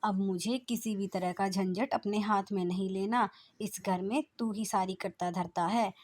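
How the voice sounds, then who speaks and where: A woman's voice: medium pitch, steady tone, unhurried, darkish tone, close to an everyday voice. A woman voicing a bossy older mother-in-law who scolds and gives orders. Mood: instructing. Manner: commanding, scolding.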